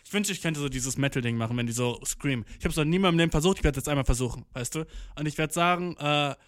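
A man's voice: a little high, fast talker, dry recording, clean studio sound. A young man telling a rambling comic story in a slangy, swearing manner, dropping English phrases and acting out quotes. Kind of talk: rambling comedic monologue.

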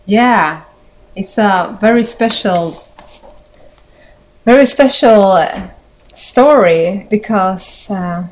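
A woman from Sweden with a Swedish accent, hosting a podcast and speaking in a thoughtful, gentle way with frequent pauses. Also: mid-range voice, low-quality recording. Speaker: podcast host. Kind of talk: reflective interview talk.

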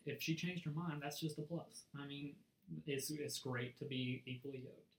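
A man's voice: a little high, steady tone, normal speed, echoey room, rough recording. A young man co-hosting a casual faith podcast, joking around with friendly slang and frequent laughs. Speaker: podcast co-host.

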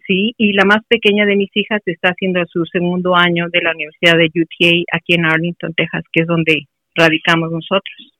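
A woman's voice: on the low side, little pitch movement, brisk, hardly any pauses, pushed and bright, dry recording. A middle-aged woman from Mexico City, a guest in a casual interview, speaking earnestly and encouragingly. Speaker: interview guest, mother of a player. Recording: muffled, dry recording.

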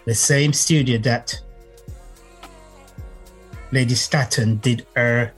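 A man explaining as a knowledgeable guest, halting in phrases and repeating points for emphasis. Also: medium pitch, fairly even intonation, slightly rough, faint music behind. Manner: halting, emphatic repetition, checks with "right?" and "you see". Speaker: guest music author and historian. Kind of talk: explanatory conversation.

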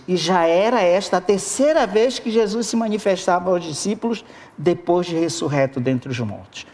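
A preacher delivering a sermon with an expressive manner, talking straight to the congregation. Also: medium pitch. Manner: expressive, addresses the congregation directly.

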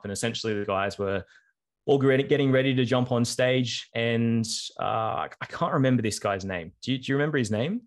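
A young man, co-hosting a podcast and telling a long, rambling story full of fillers. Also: on the low side. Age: young adult. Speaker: podcast co-host. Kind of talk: casual podcast chat.

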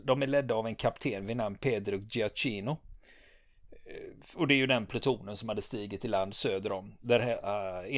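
A man hosting a history podcast, retelling a battle in a calm storytelling manner with many fillers and "va?" tags. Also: fairly low pitch, no room sound, studio quality. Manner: calm storytelling, rising to excited when narrating combat. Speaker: podcast host.

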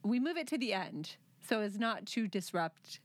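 A woman's voice: mid-range voice, very animated, normal speed, no echo. Dry-recorded woman hosting a true-crime podcast. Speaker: podcast host. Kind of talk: conversational true-crime storytelling with banter.

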